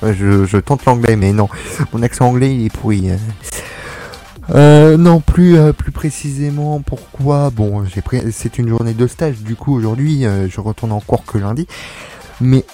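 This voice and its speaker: A man's voice: mid-range voice, unhurried, warm tone, soft background music. A young man hosting a casual radio chat, joking and laughing often as he talks. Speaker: radio show host.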